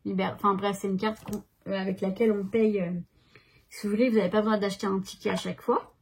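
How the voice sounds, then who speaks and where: A woman's voice: mid-range voice, steady tone, fast, husky. A woman chatting casually to her viewers at home, rambling along with many restarts. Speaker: vlogger. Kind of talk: casual vlog chat to viewers. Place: at home by a desk.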